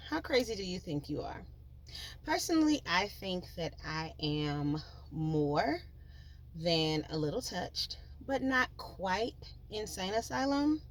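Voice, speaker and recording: A woman hosting her own podcast, telling a life story in a chatty, slangy, animated way, with sons at home. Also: mid-range voice, slight background noise. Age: adult, with children. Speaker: podcast host. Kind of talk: storytelling monologue.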